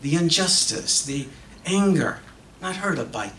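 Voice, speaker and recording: A middle-aged man delivers a scripted dramatic monologue at a podium on a theater stage, speaking into a stand-mounted microphone. His slightly high voice is expressive and emphatic, with deliberate pauses, as he moves between English and Spanish. Captured from a distance, the sound echoes through the hall with a faint noise.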